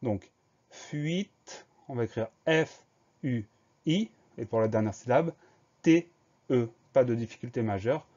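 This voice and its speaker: Man slowly spelling out words, dull audio. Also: mid-range voice, a little mellow. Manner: slow, careful letter-by-letter spelling. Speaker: teacher. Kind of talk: spelling dictation lesson.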